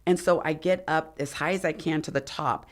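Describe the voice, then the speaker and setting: This middle-aged woman, a podcast guest and former figure competitor and mountaineer, relates a dramatic story during a casual interview. Her low-sitting voice moves fairly quickly, and she animatedly acts out the dialogue of others.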